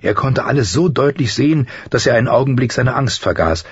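A man narrating a fantasy audiobook in a slow, measured, dramatic way. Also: medium pitch, animated, husky, dry recording, lo-fi sound.

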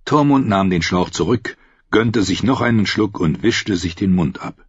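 A man reading an audiobook with lively, expressive narration, in a muffled lo-fi recording. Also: on the low side, normal speed, husky, dry recording.

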